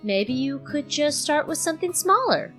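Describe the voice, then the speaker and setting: A woman's voice: high-pitched, big pitch swings, moderate pace, a bit bright, faint music behind. A woman playing a concerned, sensible roommate in a comedy sketch, reasoning cautiously.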